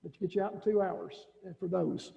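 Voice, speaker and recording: Dull lo-fi audio from a reverberant room captures a man, the director of schools, rambling through folksy remarks and restarting often at a school board meeting. His high voice is creaky and dark in tone, with fairly even intonation at a normal speed.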